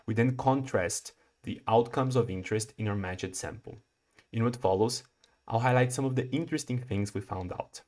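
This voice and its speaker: The young Brazilian man here, a PhD student, has a medium-pitched voice with a darkish tone. He gives a prepared research talk, explaining carefully at a measured pace with the odd restart.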